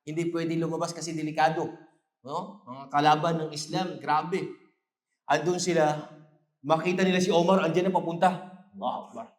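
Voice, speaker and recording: A man's voice: a little high, fairly even intonation, moderate pace, roomy sound. A man giving an Islamic lecture after evening prayer. He tells the story with Arabic phrases and rises to emphatic peaks. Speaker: preacher.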